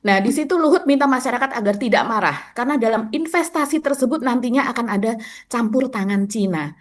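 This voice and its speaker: A woman co-hosting a political talk show, retelling news reports in a measured way with many hesitation fillers. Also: fairly high pitch, animated. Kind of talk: political commentary discussion.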